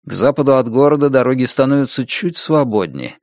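Gravelly, steady male audiobook narrator. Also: mid-range voice, fairly quick, no echo, clean studio sound. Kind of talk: scripted narration.

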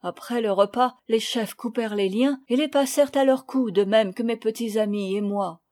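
Mellow, higher-voiced woman reading a story. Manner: calm, measured storytelling with dramatic rises. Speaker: audiobook reader. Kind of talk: scripted narration.

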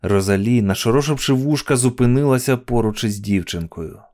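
A man narrating an audiobook dramatically, dropping to a hush in tense passages. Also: mid-range voice, fairly quick.

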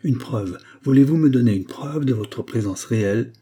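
A man reading an audiobook, voicing an excitable, curious man questioning a spirit. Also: medium pitch, moderate pace, breathy edge, close to an everyday voice. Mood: excited. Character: excitable, curious male séance guest.

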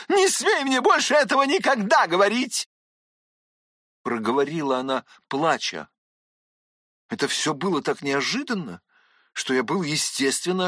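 Bright, lively, impassioned audiobook reader. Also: mid-range voice, no echo, clean studio sound. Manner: impassioned, declamatory. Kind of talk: first-person novel narration.

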